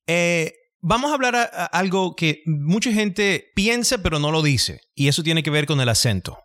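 A man interviewing a guest, asking probing questions with halting restarts. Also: fairly high pitch, expressive, fairly bright tone.

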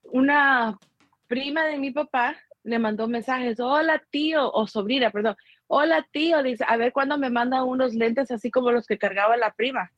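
A woman from Guatemala, chatting casually as co-host, telling animated stories and mimicking her relatives, dropping in English phrases. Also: a little high, moderate pace, no room sound, muffled recording. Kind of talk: casual chat.

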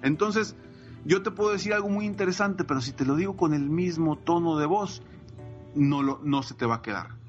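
A man's voice: on the high side, normal speed, lo-fi sound, soft background music. A man, a coach and podcaster, talking emphatically and enthusiastically in a casual podcast chat. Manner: enthusiastic, emphatic, frequent fillers like "eh" and "pues".

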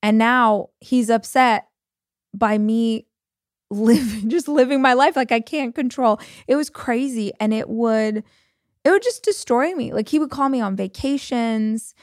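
A woman's voice: a little high, unhurried, no echo, studio quality. A woman in her forties, a podcast host, telling a personal story in a chatty, casual way full of 'like'. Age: 40s. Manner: chatty, fills speech with 'like'.

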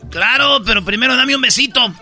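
Upbeat male radio comic, high and very bright, laughing through stutter jokes over music. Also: brisk. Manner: laughs often, acts out stuttering characters. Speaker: radio comedy host. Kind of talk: joke telling on comedy radio.

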